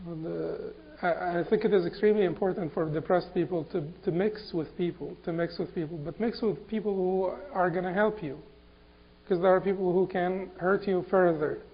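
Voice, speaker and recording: High-voiced Egyptian man lecturing, lo-fi. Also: a little hiss or hum. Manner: halting, repeats words, many fillers. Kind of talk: Islamic lecture. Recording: dull lo-fi recording.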